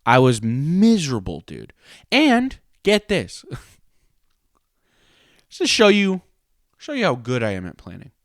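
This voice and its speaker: A man's voice: mid-range voice, wildly swooping pitch, slow pace, pauses often, no echo, clean studio sound. A man telling a personal story in a casual, comedic podcast style, profane and exaggerating. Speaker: podcast host and pro wrestler.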